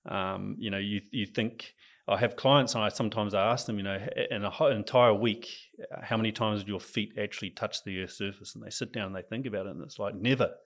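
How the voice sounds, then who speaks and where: Gravelly New Zealand man, relaxed guest. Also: fairly low pitch, a little fast. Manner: relaxed, enthusiastic about nature. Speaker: guest, training coach. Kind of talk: casual interview chat.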